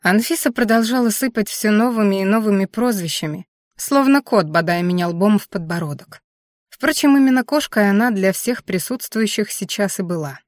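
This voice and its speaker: A woman narrating a first-person audiobook chapter in a lively, expressive way. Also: mid-range voice, normal speed, no echo, clean studio sound.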